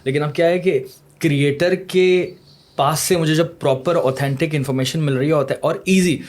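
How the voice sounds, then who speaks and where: A man's voice: on the high side, steady tone, a little mellow. Chatty podcast host man. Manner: chatty, chimes in with agreement, mixes in English. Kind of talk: casual podcast interview.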